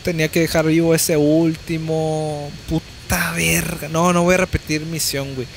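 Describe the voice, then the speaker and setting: A man's voice: fairly high pitch, flat delivery, moderate pace, slight background noise. A young Mexican man with a Mexican Spanish accent, chatting casually over a game, swearing and laughing a lot. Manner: slangy, swears freely, laughs often. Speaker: gameplay streamer. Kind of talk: casual let's-play commentary.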